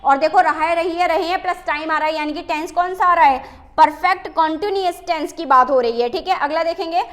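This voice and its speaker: A woman's voice: very high voice, a bit bright. A woman teaching English tenses in Hindi, asking herself rhetorical questions and often checking in with "okay". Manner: repeats rhetorical questions, frequent "ठीक है" checks; reads English example sentences slowly and deliberately.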